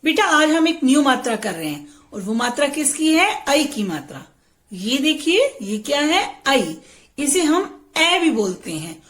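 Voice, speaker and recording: Slow, patient high-voiced woman teacher. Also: sing-song, fairly bright tone, roomy sound. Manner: slow, patient, repeats each word twice and asks the class questions. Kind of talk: Hindi phonics lesson for young children.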